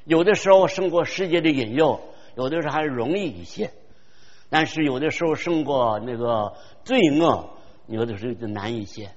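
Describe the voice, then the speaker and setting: An older man preaching a sermon, earnest and storytelling, slowing down to stress key phrases, in a dull recording with long hall reverb. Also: medium pitch, lively intonation.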